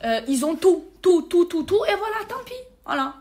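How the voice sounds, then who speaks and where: A woman's voice: extremely high pitch, big pitch swings, normal speed, darkish tone. An irritated woman venting to her followers in a casual vlog, emphatic and repeating words and oaths for force, speaking into a phone held close. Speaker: social media personality.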